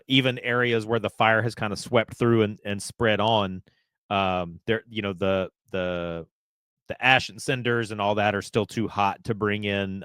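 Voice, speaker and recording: A man's voice: lowish voice, fairly bright tone, clear, resonant tone, dry recording, studio quality. A man co-hosting a casual podcast, explaining things in a laid-back way with many fillers. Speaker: podcast co-host.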